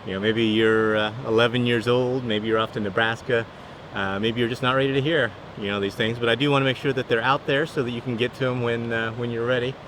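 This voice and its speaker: Relaxed, bright-voiced dad giving advice. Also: male voice, medium pitch, fast talker, a little hiss or hum, poor audio. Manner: relaxed, conversational, many fillers. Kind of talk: casual advice vlog.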